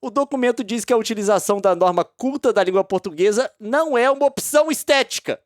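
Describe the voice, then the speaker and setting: A woman with a Brazilian accent hosting a casual commentary, reading a news story aloud and mocking it with heavy, repeated emphasis and sudden loud outbursts. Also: fairly high pitch, animated, quick pace, dry recording, studio quality. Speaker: host.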